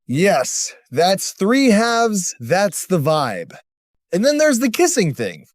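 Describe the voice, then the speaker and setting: Male narrator, high lively voice, dry close sound, wry sarcastic commentary read. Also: slow, no echo.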